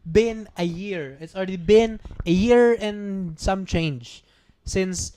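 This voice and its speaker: Female podcast co-host, mid pitch, playful and teasing, casual. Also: slow pace, dark tone, no room sound. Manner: chatty, teasing, laughs often. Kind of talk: casual chat.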